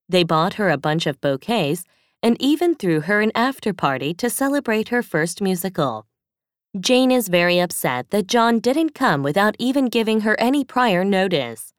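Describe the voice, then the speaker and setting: A woman's voice: medium pitch, no room sound, studio quality. A woman reading the lines and narration of a scripted English exam listening test. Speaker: test dialogue reader.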